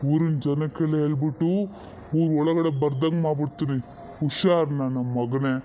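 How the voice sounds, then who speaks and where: A man's voice: a little high, level tone, moderate pace, dark tone, a little hiss or hum, natural voice. A man voicing a stern but doting old grandfather, who scolds and then turns fond.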